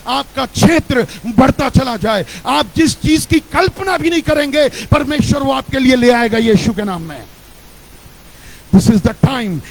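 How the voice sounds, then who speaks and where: A man's voice: very high-pitched, a little mellow, rough recording. A man preaching a sermon as pastor at a church service, leading the congregation in repeated declarations. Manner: repetitive call-and-response declarations.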